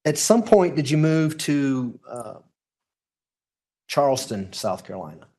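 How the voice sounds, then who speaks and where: A man's voice: medium pitch, big pitch swings, measured pace, dark tone. A man speaks as a lawyer examining a witness in a courtroom. His questioning is formal and orderly, built step by step, in an ordinary mid-range voice.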